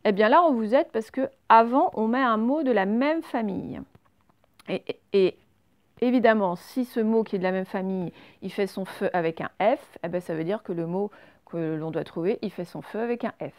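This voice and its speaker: Une enseignante qui fait une leçon d'orthographe pour enfants, lente et patiente, qui répète chaque mot deux fois. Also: female voice, mid-range voice, dry recording. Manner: slow, patient, repeats each word twice. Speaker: teacher. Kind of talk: spelling lesson read to children.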